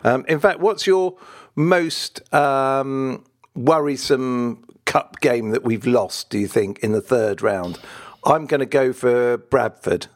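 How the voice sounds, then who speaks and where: Guy hosting a footy podcast, normal pitch, casual chat and questions. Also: slow. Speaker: football podcast host.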